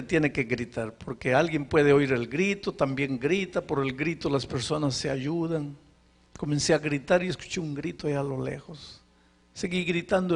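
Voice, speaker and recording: A pastor preaching to a live congregation, telling a story with dramatic pauses and anguished questions. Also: male voice, mid-range voice, vocal fry. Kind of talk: narrative sermon storytelling. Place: live sermon before a congregation.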